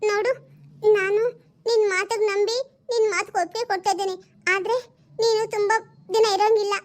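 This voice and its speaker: Woman voicing a worried mother, weepy and pleading, very high voice. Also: fairly even intonation, fairly quick. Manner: pleading and tearful, often sobbing. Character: anxious mother, tearful and protective. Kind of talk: home-made family drama.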